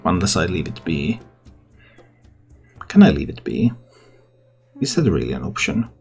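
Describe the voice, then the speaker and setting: Male gaming host, low and creaky, very varied intonation, casual think-aloud play commentary. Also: sing-song, measured pace, a little mellow. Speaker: gaming content creator and host. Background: background music.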